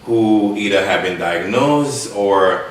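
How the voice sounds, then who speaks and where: Deep-voiced male radio host, echoey. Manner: measured, hesitant questioning. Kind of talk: live radio interview. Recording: echoey room, distant mic, faint noise.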